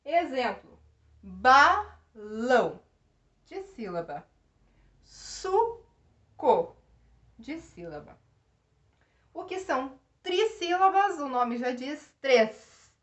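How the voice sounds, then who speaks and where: A woman's voice: high voice, big pitch swings, extremely slow, pauses often. A woman giving a grammar lesson, explaining step by step and asking the class questions. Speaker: teacher.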